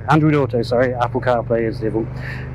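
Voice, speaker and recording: A man's voice: mid-range voice, steady tone, fast talker, a little mellow, low-quality recording. A man riding a motorcycle, giving a casual, chatty ride-along review through his helmet headset mic. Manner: casual, chatty, self-correcting. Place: on a motorcycle on country roads, outdoors. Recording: road noise from a moving motorcycle. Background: road and vehicle noise.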